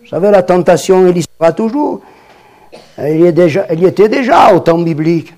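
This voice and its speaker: A man preaching a sermon, swinging from loud exclamations to hushed low warnings. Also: lively intonation, fast talker.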